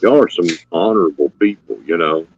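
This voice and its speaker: Male panelist, low voice, teasing casual talk, slightly muffled audio. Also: lively intonation, fairly quick, slight background noise. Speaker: livestream panelist. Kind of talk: casual teasing group chat.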